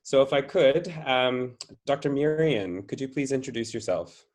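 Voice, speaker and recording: A man's voice: medium pitch, animated, moderate pace, darkish tone. Courteous man hosting a webinar. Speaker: host. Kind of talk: moderating introductions.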